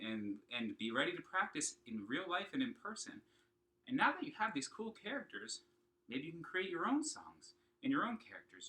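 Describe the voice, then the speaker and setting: This male singing and opera teacher for children, working from home, keeps his lesson cheerful and supportive, addressing the kids directly and quizzing them as he goes. He sounds a little high, bright and forceful, though the recording quality is low.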